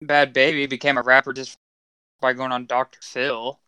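A man chatting on a podcast, crude and quick to laugh, pausing to chew between lines. His voice sits at an ordinary pitch. The sound is dry and close, with no room in it. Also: little pitch movement, sharp tone, clear, resonant tone, dry recording, poor audio. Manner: crude, joking, laughs a lot. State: eating while talking. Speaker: podcast co-host. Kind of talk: casual chat.

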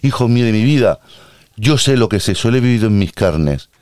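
A man's voice: on the low side, expressive, fairly quick, darkish tone, no room sound, close to an everyday voice. A man voicing a motherly woman friend who gives bossy, doting advice.

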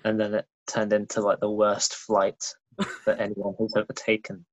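A man's voice: fairly low pitch, monotone, moderate pace, dull audio. A man co-hosting a podcast, chatting casually with dry, teasing remarks. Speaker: podcast co-host.

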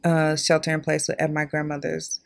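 A woman's voice: deep voice, completely flat delivery, normal speed, vocal fry. A young woman in her twenties hosting a podcast, telling her own story in a candid, chatty way and talking straight to her listeners. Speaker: podcast host. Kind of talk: casual personal storytelling.

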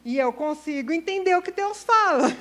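A high-pitched woman with a Brazilian Portuguese accent preaches to a women's gathering in a loose, conversational way. She jokes at her own expense and slips into quick acted-out exchanges between people. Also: animated. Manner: chatty, self-deprecating, acts out dialogues. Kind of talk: informal sermon.

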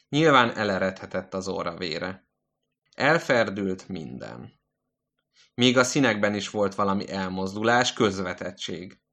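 A man narrating literary prose in a measured, deliberate reading. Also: on the low side, bright, forceful tone.

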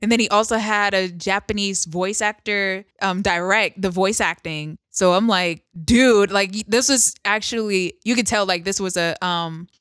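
A woman's voice: medium pitch, moderate pace, few pauses, clear, resonant tone, no echo, studio quality. A woman in her twenties co-hosting a podcast, enthusiastic and teasing in casual chat. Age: 20s. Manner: enthusiastic, teasing, trails off quietly. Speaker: podcast co-host.

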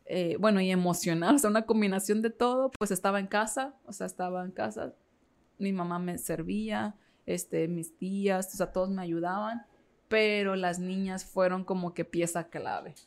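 A woman's voice: mid-range voice, normal speed. A woman, a podcast guest telling a personal story with feeling and many fillers. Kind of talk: casual interview chat.

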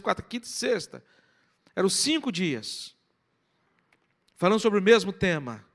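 A Brazilian man preaching a sermon, telling a personal story that swings between loud excitement and hushed, low passages. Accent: Brazilian Portuguese. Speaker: pastor.

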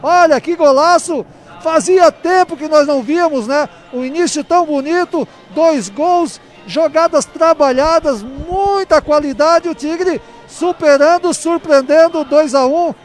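A Brazilian man giving excited football analysis after a goal, emphatic, in short stacked phrases. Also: very high voice, measured pace, faint music behind. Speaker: football commentator.

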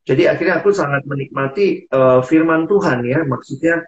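A man's voice: fairly high pitch, normal speed. Earnest man on lo-fi audio. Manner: earnest, acts out quoted dialogue. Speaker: guest speaker.

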